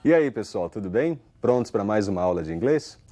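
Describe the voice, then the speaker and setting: A man with a Brazilian Portuguese accent teaches a recorded English lesson. His voice sits low, but it swings widely up and down as he reads example sentences aloud. He explains each point slowly and patiently. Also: animated, music in the background.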